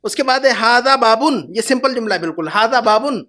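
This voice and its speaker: A man teaching an Arabic class to students, patiently repeating each phrase slowly before he translates it. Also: very high voice, expressive, bright, forceful tone. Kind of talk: classroom lesson.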